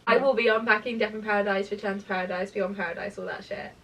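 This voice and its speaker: A woman co-hosting a fan podcast in casual, excitable, rambling chat, giggly and sweary, saying her R's like W's. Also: mid-range voice, fast, far from the mic. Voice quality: can't say her R's properly, r sounds like w.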